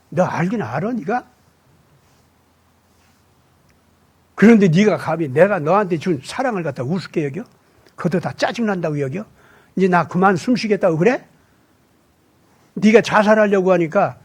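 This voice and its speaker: A man voicing God as a stern male deity who scolds a complaining man with loud rebuking questions, his voice husky. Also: high-pitched.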